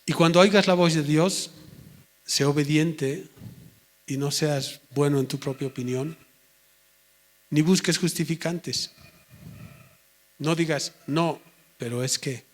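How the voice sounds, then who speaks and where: Earnest male preacher, slightly high voice. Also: fairly even intonation. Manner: earnest, slows down sharply for emphasis. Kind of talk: sermon.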